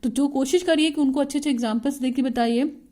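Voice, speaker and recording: A woman's voice: high-pitched, fairly even intonation, quick pace, mellow. A woman teacher, giving an online lecture that mixes Hindi and English and often checks in with her listeners.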